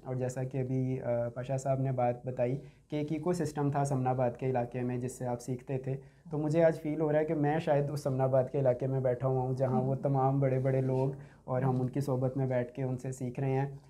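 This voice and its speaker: A man's voice: medium pitch, warm tone. A middle-aged man hosting a panel, giving formal, polite closing thanks in a small studio on a desk mic. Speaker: host. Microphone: desk boom mic.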